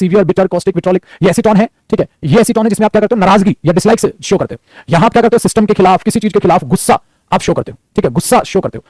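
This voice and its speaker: Rapid male teacher. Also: sits high, darkish tone, dry recording. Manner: rapid, repeats phrases, calls students "beta". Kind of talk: online English vocabulary class.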